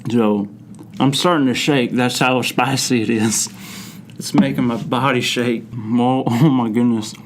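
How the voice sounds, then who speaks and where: A man's voice: medium pitch, fairly even intonation, a little slow. A young man hosting a youth ministry video, dramatically complaining and coughing through a spicy food challenge. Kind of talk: casual hot-sauce challenge banter. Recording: noisy room background.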